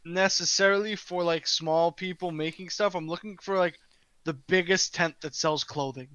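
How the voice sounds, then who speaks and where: A man playing a tabletop game, speaking hesitantly with many pauses. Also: high-pitched, fairly even intonation, bright, forceful tone, smooth, dry recording. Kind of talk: casual in-character game talk. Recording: dull lo-fi mic.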